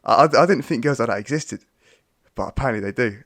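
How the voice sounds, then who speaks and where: A man's voice: medium pitch, expressive, fast, creaky, fairly bright tone, no echo. A young man, co-hosting a podcast and telling stories in a laid-back, slangy way. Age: young adult. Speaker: podcast co-host. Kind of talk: casual chat.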